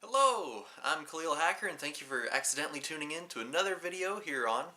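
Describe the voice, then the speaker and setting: A man's voice: a little high, fast, loud music behind the voice. A man hosting a casual movie review, talking in a rambling, offhand way with self-mocking jokes. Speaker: film reviewer and show host.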